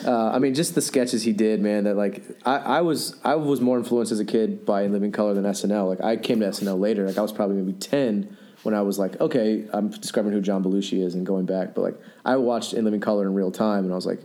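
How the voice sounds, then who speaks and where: A man's voice: lowish voice, fairly even intonation, fast, mellow. A man in his thirties hosting a podcast, chatting casually and rambling with lots of fillers and restarts. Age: 30s. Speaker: podcast host.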